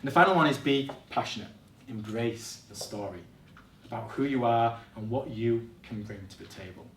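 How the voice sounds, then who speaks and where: A man's voice: medium pitch, expressive, moderate pace, a bit bright, far from the mic, a little hiss or hum. A young man giving an encouraging workshop talk to students, direct and upbeat. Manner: encouraging, direct, addresses audience as guys. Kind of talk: motivational presentation to students. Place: college classroom or hall. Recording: echoey room, voice off-mic.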